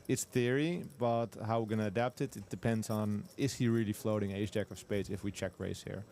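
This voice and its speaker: A man's voice: on the low side, steady tone, fairly quick, darkish tone. A man commentating live poker, breaking down hand strategy in detail with frequent restarts and repeated agreement.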